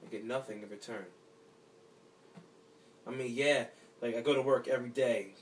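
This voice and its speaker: A young actor playing a lonely, heartbroken man, talking haltingly in despair and trailing off into mumbles. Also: medium pitch, fairly even intonation, recorded from a distance, slight background noise, lightly acted. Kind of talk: short film drama monologue.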